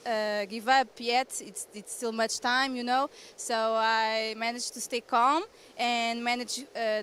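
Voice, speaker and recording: A woman athlete with a fairly high voice and a Portuguese accent answers in a casual post-heat interview. She uses simple, halting phrases and corrects herself, with faint ambient noise around her. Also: a bit bright.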